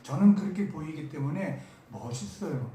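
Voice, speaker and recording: In a very echoey large church hall with faint background noise, a camp preacher delivers an expressive sermon at a moderate pace. The voice is medium-pitched and dark in tone, repeating and stressing key words while questioning the audience.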